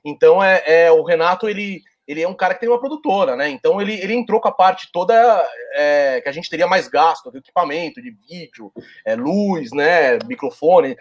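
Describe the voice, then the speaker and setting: A man who works in video talks in casual chat and keeps stumbling over his words. His voice sits slightly high. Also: lively intonation, brisk, hardly any pauses, muffled recording. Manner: hesitant, repeating words. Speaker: video producer.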